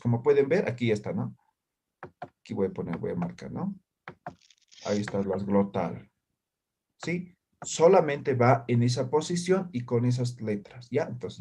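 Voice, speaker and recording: A man leads a language lesson over a video call, speaking slowly and calmly with a slightly husky voice. He keeps checking that his students are following with short tag questions. He says practice syllables loudly and distinctly. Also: medium pitch. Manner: patient, ends phrases with "¿ya?" and "¿no?". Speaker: language teacher. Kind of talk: online class.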